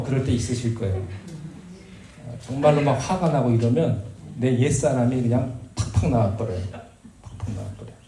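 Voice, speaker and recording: A male pastor delivers a sermon in a relaxed, conversational storytelling style and often jokes at his own expense. His voice sits at an ordinary pitch for a man. The recording sounds roomy, like a church sanctuary, with a faint layer of background noise. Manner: conversational storytelling with self-deprecating humor.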